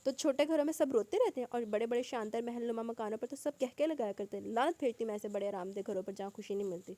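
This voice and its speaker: A woman voicing a fiery, sharp-tongued young wife in a storybook reading, scolding and sarcastic. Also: a little high, close to an everyday voice. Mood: indignant.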